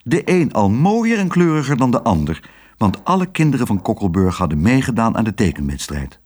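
A man narrates a children's storybook aloud with expressive, animated delivery. His voice sits at a middle pitch. His melody rises and falls very widely from phrase to phrase. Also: a little fast.

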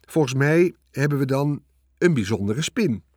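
A man's voice: medium pitch, animated, measured pace, a little mellow, no room sound, studio quality. Sensible storybook farm wife, skeptical and plain, read by a male narrator. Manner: matter-of-fact, skeptical. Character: practical farmer's wife, skeptical and down-to-earth.

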